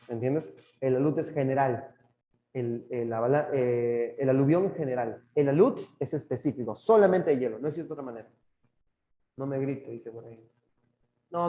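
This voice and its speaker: A man's voice: mid-range voice, dark tone. A young man with a Peruvian Spanish accent teaching geography live, reading viewers' questions and joking with them. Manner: jokey, laughs often, talks back to chat. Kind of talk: live online class reading chat questions. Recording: roomy, dull lo-fi stream audio.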